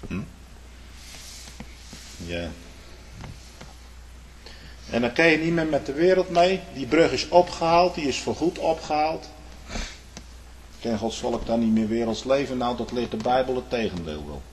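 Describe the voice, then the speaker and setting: A man preaching a sermon, swinging between loud high outbursts and quiet low asides, often ending lines with a questioning "hm?" and speaking straight to the congregation and its young people. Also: animated, unhurried, long pauses, a little hiss or hum. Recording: long reverb of a large hall.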